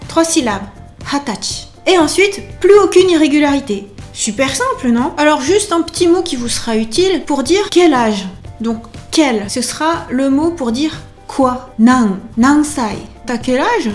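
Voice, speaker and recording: Woman teacher, high voice, upbeat and encouraging, slow careful repetitions, faint music behind. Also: lively intonation. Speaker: language teacher. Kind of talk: online lesson.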